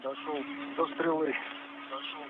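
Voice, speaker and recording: A cosmonaut on a spacewalk giving terse callouts over a crackly space-to-ground radio link. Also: male voice, a little high, big pitch swings, unhurried, gravelly. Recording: tinny radio line with static.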